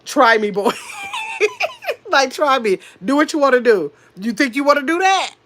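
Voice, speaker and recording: A middle-aged woman with a high, expressive, somewhat bright voice, very nasal and stuffy from an oncoming cold, speaks at a moderate pace. Hosting a livestream close to a phone or webcam mic, she reads chat and answers comments directly with sass, talking loosely and at length with rambling asides. Slight background noise is audible.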